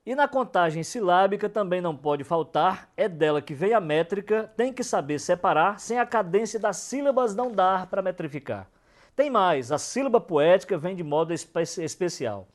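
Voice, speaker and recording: A man, a cordel poet explaining verse form in an emphatic documentary lecture, slowing down to stress syllables. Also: high-pitched, animated. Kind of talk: documentary lecture on folk poetry.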